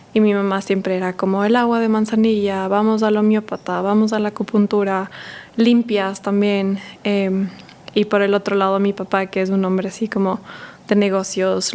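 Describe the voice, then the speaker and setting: A woman, a guest on a podcast, telling stories from her childhood in a relaxed way, with many fillers. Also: medium pitch. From Ecuador. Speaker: guest, herbal medicine expert. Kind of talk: casual interview talk.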